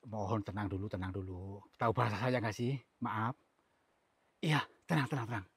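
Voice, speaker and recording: A man from Central Java presents a staged ghost-hunting vlog outdoors. He talks in a hushed, coaxing way and often drops to a whisper. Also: lowish voice, fairly even intonation, moderate pace, dry recording. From Cilacap, Central Java. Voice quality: very husky. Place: outdoors on an overgrown hillside.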